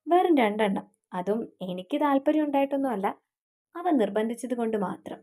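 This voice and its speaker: A woman's voice: a little high, lively intonation, fairly quick, mellow, lightly acted. A woman voicing an earnest young man, engaged and devoted to his fiancée, who speaks in a pleading way.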